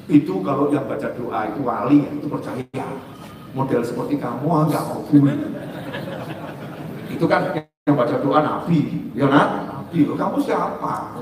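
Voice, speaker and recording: A male preacher voicing a devil who mutters scornful doubts, his voice low and quiet. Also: noisy background, natural voice. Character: sneering devil whispering doubt to people. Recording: very echoey hall, distant mic.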